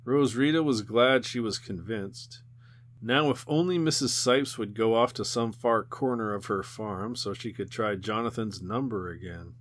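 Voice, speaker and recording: Low-voiced man narrating an audiobook. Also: normal speed. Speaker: audiobook reader.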